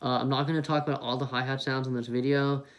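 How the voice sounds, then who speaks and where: A man's voice: medium pitch, level tone, quick pace. A man on a headset mic giving a casual beatboxing tutorial, explaining step by step and demonstrating the sounds. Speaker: beatbox teacher.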